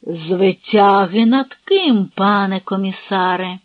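A man voicing a shrill, panicky young nobleman. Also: lively intonation, slow pace, slightly rough, dry recording, phone-quality sound, full character voice. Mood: alarmed. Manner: shrill, hysterical, whining. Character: young panicky noble male army commander.

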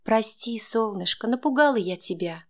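A woman reader voicing an older woman, a worried, caring grandmother who scolds and pleads, pitched higher than her own narration. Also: animated, normal speed, darkish tone. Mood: tender. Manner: anxious, scolding, then tender.

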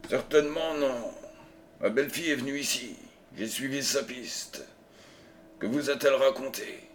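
A man voicing a brutal, furious old country doctor in an audiobook, threatening and shouting. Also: medium pitch, normal speed, a little hiss or hum, lightly acted. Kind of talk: audiobook character reading.

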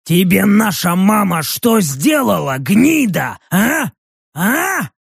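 A man voicing a hot-tempered, hoarse male orc warrior who swears and threatens in an audiobook. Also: sits high, very animated, takes it slowly, dry recording, clean studio sound, heavily acted. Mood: menacing.

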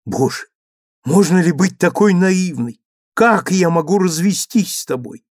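Brief: male reader doing a cold young husband, stern and abrupt, gravelly, in a dry booth. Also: mid-range voice, unhurried, darkish tone, no room sound. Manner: cold, abrupt, rising to exasperation. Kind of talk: audiobook character reading.

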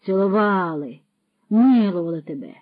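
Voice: medium pitch, expressive, normal speed, narrow, tinny audio, lightly acted. A narrator doing a naive young lad. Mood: hesitant. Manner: hesitant, short questions. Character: naive young man joining thieves.

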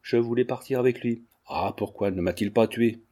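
A man's voice: mid-range voice, normal speed, mellow, natural voice. A man voicing a shaken, despairing young woman who speaks in broken phrases.

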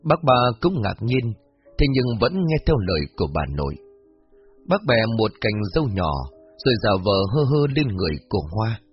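A man narrates a scripted horror story in a steady, measured way. His voice is husky and mid-pitched. The recording is muffled and lo-fi, with soft music in the background.

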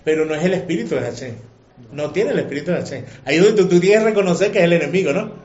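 A man teaching a religious class in an animated, emotional way, often firing questions at his listeners. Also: on the high side, racing. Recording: echoey room, muffled lo-fi sound.

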